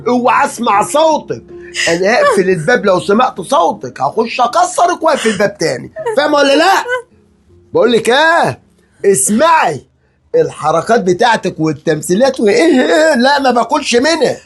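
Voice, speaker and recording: A performer gives us a bullying middle-aged father-in-law with an Egyptian accent. His voice is husky and mid-pitched, and he taunts and rants in a comedy sketch. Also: very animated, normal speed, faint music behind. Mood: threatening. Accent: Egyptian Arabic. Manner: barking threats, mocking repeats, rambling rants.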